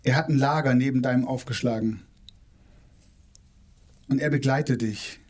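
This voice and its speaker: A man preaching a sermon in an informal, colloquial way, often restarting and repeating words, and slowing down to stress key phrases. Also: fairly even intonation, a little mellow. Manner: slows down and lowers his voice for emphasis.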